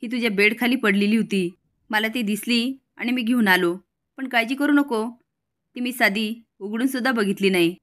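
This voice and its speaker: A woman voicing a kind, gentle young wealthy man who speaks reassuringly. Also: on the high side, moderate pace, lightly acted.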